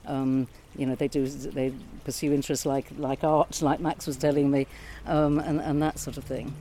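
A woman in her sixties, a retired teacher, talking thoughtfully in a relaxed outdoor chat. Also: a bass voice, a little hiss or hum. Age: 60s. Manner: thoughtful, measured, reflective. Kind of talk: casual conversation. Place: garden outdoors by a pond.

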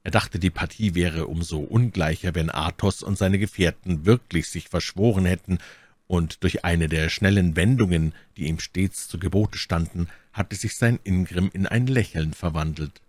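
A man narrating a classic adventure novel as an audiobook reader, in a steady storytelling manner. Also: deep voice, normal speed, no echo. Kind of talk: scripted narration.

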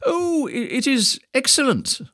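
A man's voice: extremely high pitch, sing-song, unhurried, pushed and bright, dry recording, clean studio sound, pitched above the performer's own voice, heavily acted. A man voicing a flustered old royal wise man who wavers and stammers in a storybook reading. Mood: anxious.

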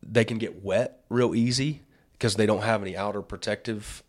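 Low-pitched, folksy man explaining casually. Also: fairly even intonation, normal speed. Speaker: host and turkey conservationist.

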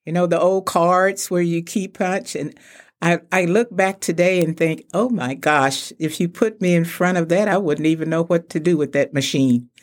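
A woman's voice: lowish voice, normal speed. An older woman from Texas, a retired executive, answering interview questions graciously. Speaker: interview guest.

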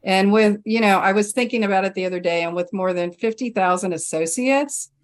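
A woman's voice: medium pitch, a little fast. A woman speaking as an interview guest in a conversational way, earnest and enthusiastic. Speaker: guest, charity foundation representative.

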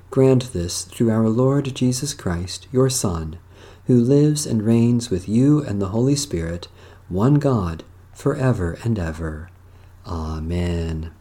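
A man leading worship as clergy, reading prayers and scripture in a solemn, measured, declamatory way. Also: fairly low pitch, warm tone.

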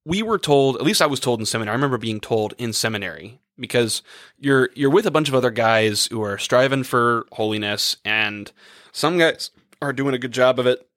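Man, young adult, priest, hoarse, rambling chat, dry close mic. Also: medium pitch, brisk, fairly bright tone, no echo. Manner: rambling, thinking aloud with many fillers. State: losing his voice. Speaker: priest and podcast co-host. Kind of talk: casual chat, reading letters aloud.

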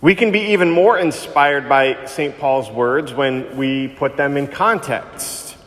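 A man speaking as a priest at Mass, reading scripture and preaching in a solemn, measured way with deliberate phrasing, in a cathedral-like echo. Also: medium pitch, a bit bright. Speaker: priest giving Gospel reading and homily. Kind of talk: liturgical scripture reading and sermon. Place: large reverberant church. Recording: long cathedral-like echo of church hall.

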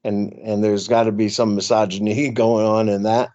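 A man co-hosting a podcast, talking earnestly in casual political chat with many halting restarts. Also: lowish voice, level tone, darkish tone, lo-fi sound. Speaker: podcast co-host.

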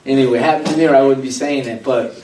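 A man preaching a sermon in a conversational, animated way, joking with the congregation. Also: medium pitch, very fast. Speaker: pastor. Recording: echoey room, mic at a distance, faint noise.

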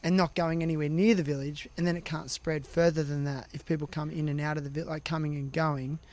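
A man's voice: fairly high pitch, level tone, brisk, a little mellow. A man hosting a podcast interview, asking long questions in a chatty way and thinking aloud as he goes. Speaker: podcast host. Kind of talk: casual interview chat.

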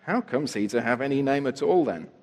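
A man's voice: mid-range voice, animated, a little fast, a little mellow, pitched above the performer's own voice, natural voice. A man voicing a fussy, gushing middle-aged woman in a storybook reading, in an echoey hall. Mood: fawning. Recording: echoey hall with long reverb.

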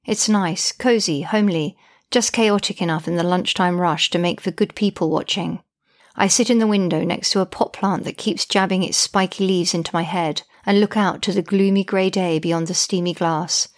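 A woman's voice: lowish voice, fairly even intonation, normal speed. A woman narrating her own diary-style account as a mother, indignant, wry and exasperated.

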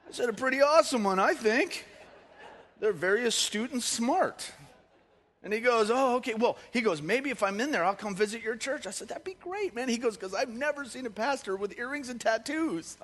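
A man's voice: very high-pitched, a bit bright. A man preaching a sermon as pastor, telling stories in a joking, conversational way. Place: church hall. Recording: long hall reverb.

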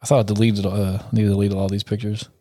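A man's voice: lowish voice, flat delivery, quick pace, mellow. Profane laid-back young man. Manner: loose, profane, laughing often. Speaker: podcast co-host. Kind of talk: casual chat.

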